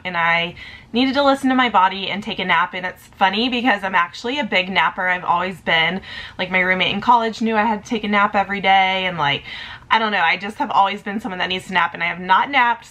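A woman's voice: mid-range voice, pushed and bright. A woman in her thirties chatting casually through a thrift haul vlog, upbeat, with frequent fillers. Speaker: thrift reseller vlogger. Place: small home storage room with shelves.

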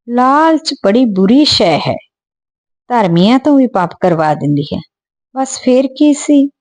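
Woman narrator reading a book aloud, steady and earnest, warm tone, dry mic. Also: mid-range voice, no echo. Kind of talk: storybook narration.

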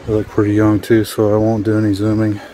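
A man from Washington State chatting casually as he walks along old railway tracks, rambling and relaxed with frequent fillers. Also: fairly low pitch, quick pace, slight background noise. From Washington State, USA. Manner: talks while walking outdoors. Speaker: adventure vlogger. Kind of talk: casual hiking vlog commentary. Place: outdoors on abandoned railway tracks.

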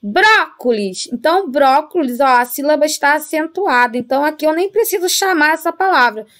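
A woman's voice: sits high, fairly quick. A woman teaching a primary school Portuguese class with a Brazilian accent, patiently stretching out example words and checking in with the children. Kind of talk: recorded remote class lesson.

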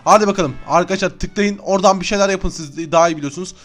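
A young man giving excitable, chatty let's-play commentary as a gaming YouTuber, yelling often. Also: high-pitched, fast talker, soft background music.

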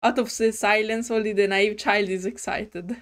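A gaming streamer reads a story game aloud and adds commentary, going slowly, giggling, hesitating and restarting. Her mid-range voice keeps a steady tone.

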